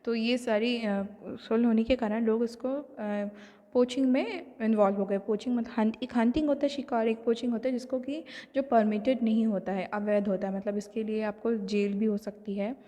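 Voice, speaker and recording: A woman with an Indian accent teaching an online class. She reads English textbook lines slowly, then explains them in Hindi with many fillers. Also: a little high, steady tone, warm tone. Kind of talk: recorded lesson explaining a textbook. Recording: long hall reverb.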